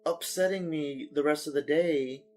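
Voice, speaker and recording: A man's voice: on the high side, moderate pace, a little mellow, soft background music. A man co-hosting a casual podcast chat, telling rambling stories full of swearing. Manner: rambling, profane storytelling. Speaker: podcast co-host.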